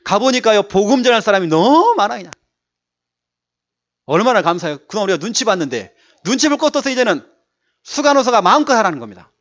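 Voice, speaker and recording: A man's voice: high-pitched, sing-song, fast, long pauses, fairly bright tone. A male pastor preaching a sermon, emphatic and repeating his key words to urge the congregation on. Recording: dull lo-fi church recording.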